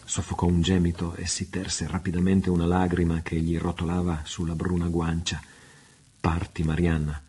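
A man reading a novel aloud, measured and unhurried. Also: low-pitched, completely flat delivery, mellow, husky. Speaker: reader. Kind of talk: audiobook narration.

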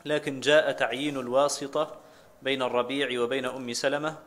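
Flat-voiced man reading a religious text. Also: mid-range voice, fairly quick. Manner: steady recitation of quotes and chains of names. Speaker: student reading the text aloud.

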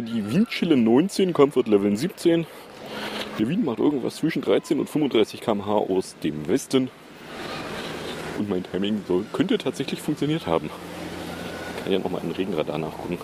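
A man's voice: medium pitch, noisy background. Sarcastic man hosting a solo podcast. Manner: sarcastic, rambling with fillers. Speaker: podcast host. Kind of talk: casual solo podcast commentary.

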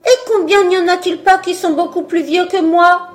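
A woman's voice: extremely high pitch, fairly even intonation, moderate pace, soft background music, voice pushed up. A woman voicing a proud young fir tree who muses wistfully about his past. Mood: musing. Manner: wistful, self-assured musing.

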